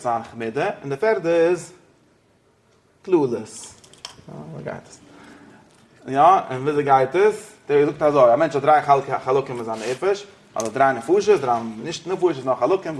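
A man teaching an interactive religious study class, questioning his students and slipping into English phrases. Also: medium pitch.

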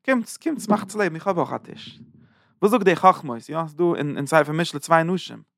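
A man's voice: on the high side, animated, fairly quick, vocal fry, fairly bright tone, dry recording, studio quality. A man giving a Torah sermon, chanting verses in a sing-song and repeating phrases for emphasis. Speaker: preacher giving a Torah talk.

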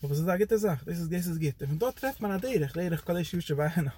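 Husky-voiced man giving a lively Torah lecture. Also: fast talker. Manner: animated, pitch jumps up and down for emphasis. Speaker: Torah teacher.

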